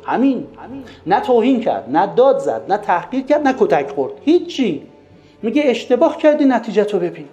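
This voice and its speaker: A man giving a lively talk on raising children, pressing the listener with rhetorical questions. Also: sits high, lo-fi sound. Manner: asks many rhetorical questions. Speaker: religious parenting speaker. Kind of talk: lively lecture retelling a story. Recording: roomy echo with faint music.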